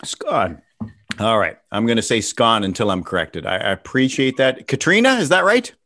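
A man's voice: mid-range voice, very animated, fairly quick, sharp tone, no room sound. A middle-aged man doing casual stand-up comedy over a video call, self-mocking and laughing at his own jokes. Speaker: stand-up comedian hosting a virtual show.

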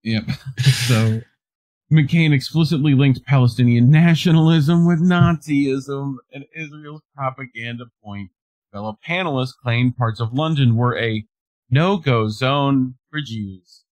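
A man co-hosts a talk stream. His voice is of middling pitch and recorded close and dry. He reads news articles aloud and keeps breaking off with laughs and wry asides. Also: unhurried, darkish tone, dry recording, low-quality recording. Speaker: co-host. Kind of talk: reading news aloud and commenting.

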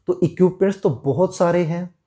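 A man in his thirties explaining restaurant equipment to camera in a steady, instructive way, on a lapel mic in a small indoor room. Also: sits high, brisk. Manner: steady, instructive, listing items.

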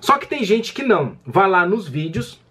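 A man's voice: sits high, sing-song, moderate pace, sharp tone, breathy edge. A Brazilian man in his thirties, a gaming YouTuber, ranting casually and emphatically to his viewers. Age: 30s. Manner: exasperated, emphatic, repeats himself. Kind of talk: casual vlog rant to camera.

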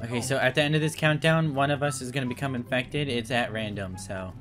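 Male gamer, casual chatty commentary, quick laughs and curses, game music under the voice. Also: mid-range voice. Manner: laughs often, swears freely. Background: game music and gunfire.

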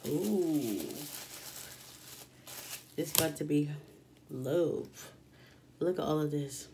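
A woman's voice: low-pitched, little pitch movement, fast talker. A middle-aged woman chatting casually on a mukbang eating show, talking as she eats and humming as she savors the food. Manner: talking while eating, savoring hums between phrases. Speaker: mukbang vlogger. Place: small indoor room at home. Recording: faint household background noise.

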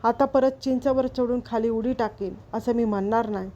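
A woman's voice: a little high, fairly even intonation, normal speed, dark tone, dull audio, natural voice. A woman reading a novel aloud, voicing a bold, defiant young village man who speaks in a plain rural dialect.

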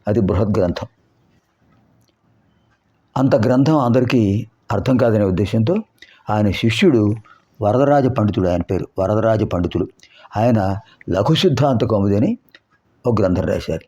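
Low mellow man teaching Sanskrit. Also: animated, husky. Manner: repeats sounds slowly for pronunciation drills; asks rhetorical questions. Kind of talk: explanatory lesson. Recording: dull lo-fi recording.

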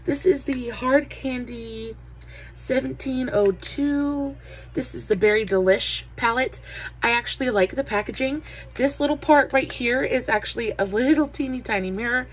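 A young adult woman, a beauty vlogger, chats her way through a makeup palette review in a fairly high voice at normal speed, with a little hiss or hum in the audio. She sounds a bit nasal and stuffy from allergies, greets viewers warmly, and fills her talk with plenty of "uh"s.

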